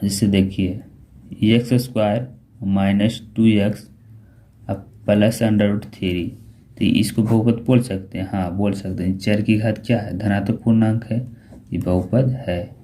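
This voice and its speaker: Slow, low-toned math teacher. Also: male voice, steady tone, warm tone. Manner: asks questions and answers them himself, repeats key terms. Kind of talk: classroom-style lesson explanation.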